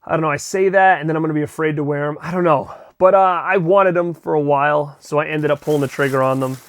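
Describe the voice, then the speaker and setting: Chatty guy showing off his collection, bit high voice, dry close mic. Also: fast, no room sound. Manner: excitable, chatty, swears casually. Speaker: collector vlogger and host. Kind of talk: casual unboxing vlog.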